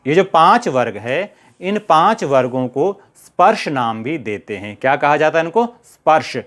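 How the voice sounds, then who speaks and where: A middle-aged man with a Hindi accent teaching a Sanskrit grammar lesson, reciting letters slowly and asking and answering his own questions. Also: on the high side, sing-song, a bit bright. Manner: slow, deliberate recitation of letters.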